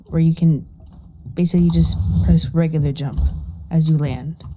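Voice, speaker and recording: A woman speaking very quietly, at times nearly whispering and barely audible, in a casual, sweary gameplay tutorial. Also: low voice, fairly even intonation, normal speed, noisy background. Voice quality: very quiet, hushed, partly whispered voice. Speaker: gaming guide creator. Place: living room at home.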